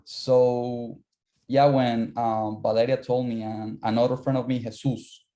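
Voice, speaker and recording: Young guy, mellow voice, casual, says things twice. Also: mid-range voice, level tone, measured pace. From Colombia. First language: Spanish. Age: young adult. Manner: casual, repeats words while searching for them. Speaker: interview guest, university finance student. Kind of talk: casual interview.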